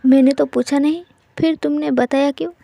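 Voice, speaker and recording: A woman's voice: sits high, fairly even intonation, fairly quick, creaky, warm tone. A woman voicing a guarded young woman biker with an injured hand, giving curt, lightly teasing replies.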